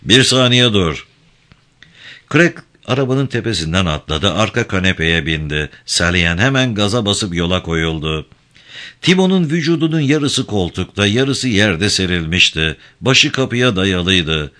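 Bright-toned male audiobook narrator. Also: deep voice, animated. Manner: dramatic measured reading.

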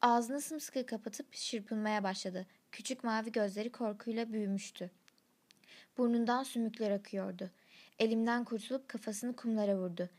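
A woman's voice: on the high side, moderate pace, a little mellow. Woman reading a gritty first-person story. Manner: gritty, blunt, slang-laden narration.

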